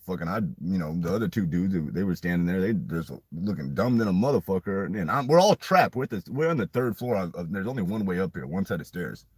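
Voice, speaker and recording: Deep husky-voiced man telling a story. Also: fast, few pauses, dry recording. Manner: rambling, profane, animated retelling. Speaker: podcast storyteller. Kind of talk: casual storytelling.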